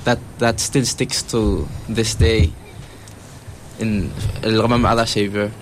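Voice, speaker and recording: A young man from Palau with a Palauan accent answers interview questions in a halting, reflective way, switching between two languages. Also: lowish voice, steady tone, a little hiss or hum. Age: young adult. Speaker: interviewee, university student.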